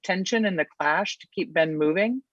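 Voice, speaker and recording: A woman's voice: lowish voice, normal speed, dry recording. A woman moderating a film festival question-and-answer session, asking brief questions. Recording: dry, dull sound.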